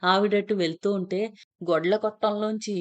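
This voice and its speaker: A woman narrating a first-person story in a steady, plain telling voice. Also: medium pitch, normal speed, lo-fi sound.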